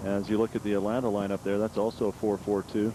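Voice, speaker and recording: A man's voice: fairly low pitch, level tone, fast talker, music in the background, low-quality recording. A man giving live match analysis as a soccer co-commentator.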